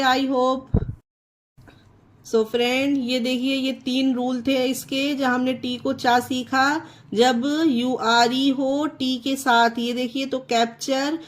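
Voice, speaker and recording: A woman teaching an English pronunciation lesson in a classroom style, spelling words out letter by letter and checking in with her viewers often. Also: sits high. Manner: slow, repeats words and spells them out letter by letter.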